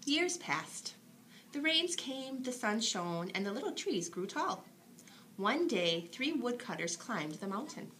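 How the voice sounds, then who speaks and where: A woman reads a children's bedtime story aloud in an expressive, dramatic storytelling manner. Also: fairly high pitch, slow, background noise. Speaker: storybook reader.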